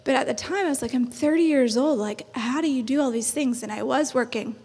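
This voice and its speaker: A woman's voice: sits high, a little fast, darkish tone, slightly rough. A woman in her thirties speaking on a church panel in a chatty, encouraging way, laughing often. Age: 30s. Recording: long hall reverb.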